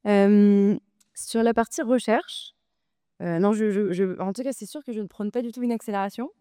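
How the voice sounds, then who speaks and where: Woman debating, smooth voice, lots of ums, close dry sound. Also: mid-range voice, normal speed, warm tone, dry recording. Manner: hesitant, many filler sounds, insistent. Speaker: debate speaker, co-president of a data nonprofit. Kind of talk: debate argument.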